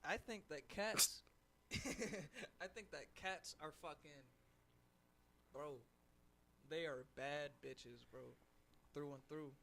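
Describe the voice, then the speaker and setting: A young man from California talks in a casual podcast chat, full of slang and swearing. His voice sits a bit high, and he keeps calling his friend "bro". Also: takes it slowly, creaky, pushed and bright, slight background noise. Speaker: podcast co-host.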